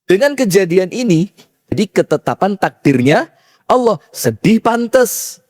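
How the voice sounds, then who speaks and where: A man preaching a sermon, telling stories with lively rhetorical questions to his audience and chanting verses slowly. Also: high-pitched. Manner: slow chanted Quran recitation. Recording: long hall reverb.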